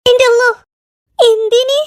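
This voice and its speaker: Cartoon role: performer voicing a gullible older aunt, very high-pitched, shrill and panicky. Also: flat delivery, unhurried. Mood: frightened. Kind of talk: cartoon voice acting.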